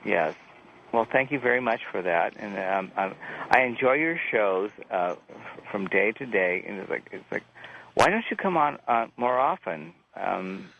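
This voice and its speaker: A man from Oregon calls in to a late-night radio show, hesitant and halting, filling his pauses with "um" and "uh." His voice is low and gravelly, and it comes through muffled and lo-fi. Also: lively intonation, a little hiss or hum. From Oregon, USA. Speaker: caller. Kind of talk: phone-in call to a radio show. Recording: muffled lo-fi phone-in audio.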